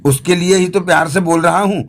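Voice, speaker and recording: A man's voice: high voice, steady tone, a little fast. A man voicing a greedy, wheedling fellow who coaxes and sulks, in an audiobook. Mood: coaxing. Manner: coaxing, sulky.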